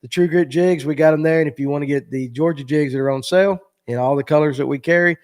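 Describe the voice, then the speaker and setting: A man's voice: a little high, fast talker, a little mellow. A man, hosting a casual live fishing chat in a rambling, joking way with lots of fillers. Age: 40s. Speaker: show host.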